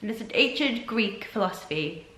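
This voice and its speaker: A young woman vlogging to camera while ill, with a nasal, stuffed-up voice and a sore throat, talking earnestly at low energy. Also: animated, moderate pace, bright, forceful tone. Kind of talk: casual vlog talk to camera. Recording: echoey room.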